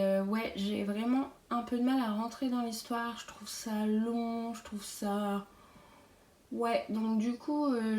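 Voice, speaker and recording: Chatty young woman with a mellow voice. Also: on the high side, roomy sound. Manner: chatty, many fillers, laughs often. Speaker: book vlogger. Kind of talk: casual bookshelf tour.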